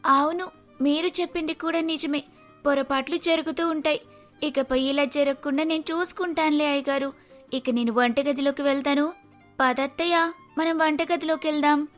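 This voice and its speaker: Woman playing a bold high-voiced young daughter-in-law. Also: steady tone, moderate pace, soft background music, lightly acted. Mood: placating. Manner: firm, declaring, scheming. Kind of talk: cartoon story voice acting.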